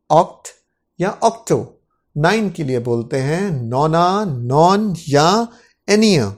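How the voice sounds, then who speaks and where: A man's voice: fairly high pitch, darkish tone. A man with an Indian accent teaching English vocabulary in a classroom-style lesson, carefully repeating each word twice for pronunciation practice.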